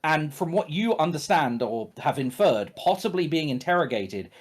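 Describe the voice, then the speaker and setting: A man's voice: a little high, sing-song, normal speed. A man running a tabletop game as game master, narrating off the cuff in a casual, emphatic way with plenty of swearing.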